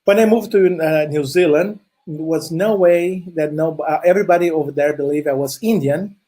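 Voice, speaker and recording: Speaking at a moderate pace in a warm, slightly high voice, a middle-aged man from Chile presents at a conference in a friendly way, often using fillers and restarting sentences. Portuguese is his native language, and his accent is Brazilian Portuguese.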